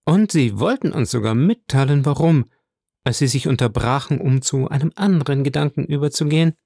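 A man voicing a proud aristocratic woman who asks quick, teasing questions, read as an audiobook figure. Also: medium pitch, vocal fry, dark tone, no echo, studio quality, pitched above the performer's own voice. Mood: coaxing.

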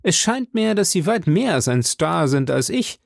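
A man's voice: fairly high pitch, sing-song, moderate pace, creaky, no echo, clean studio sound, voice pushed up, full character voice. A man voicing a young, hot-headed male swordsman who speaks in a raised, courtly but challenging manner, from a storybook reading. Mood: defiant gallant.

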